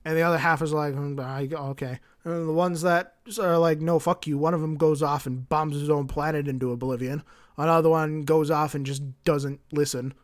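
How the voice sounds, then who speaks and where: A man's voice: a little high, little pitch movement, fairly quick. A man giving a rambling, flippant comedic summary of a story. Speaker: lore video creator.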